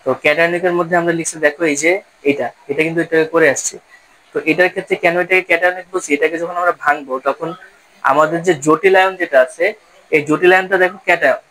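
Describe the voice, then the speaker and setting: Step by step, a man teaches chemistry in a classroom-style lesson, asking questions and answering them on his own. His voice is fairly high, bright and a bit pushed. The recording is low quality, with slight background noise.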